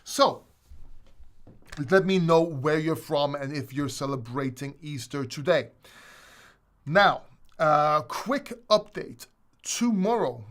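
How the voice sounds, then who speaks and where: A man's voice: a little high, fairly bright tone. Chatty Greek man hosting a live stream. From Greece. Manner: chatty, rambling, with restarts. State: a little winded. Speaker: host. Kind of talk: casual live-stream chat.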